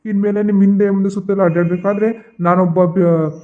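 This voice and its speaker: A man's voice: high voice, flat delivery, fast, phone-quality sound, natural voice. A man voicing a stern, sarcastic office boss with a North Karnataka accent, scolding an employee. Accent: North Karnataka Kannada.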